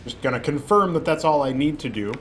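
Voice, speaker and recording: A young male streamer with a fairly high, a bit bright voice chats casually on a livestream, talking fairly quickly with lively intonation. He rambles with fillers and restarts, has a lingering cough, and soft music plays in the background.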